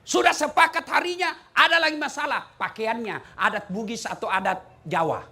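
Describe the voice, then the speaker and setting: A man's voice: extremely high pitch, normal speed. A middle-aged man with a Makassar accent preaching a humorous sermon, full of jokes and rhetorical questions. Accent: Makassar Indonesian. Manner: joking, animated, rhetorical questions.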